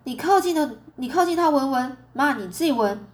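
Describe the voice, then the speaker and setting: A woman voicing a young girl who tattles on her brother, shouting loud, high and indignant. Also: expressive, fairly quick. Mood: shrill tattling.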